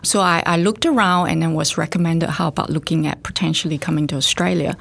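Deep-voiced and gravelly yet fairly bright in tone, this woman talks fast with a steady delivery. She is a middle-aged scientist and facility director from Singapore, chatting thoughtfully in a casual interview and often using fillers and restarting.

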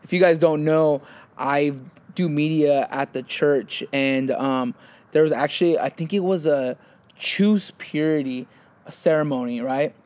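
Animated young man telling stories. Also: a little high, unhurried. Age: young adult. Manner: animated storytelling, acts out quotes. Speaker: podcast co-host. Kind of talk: casual chat.

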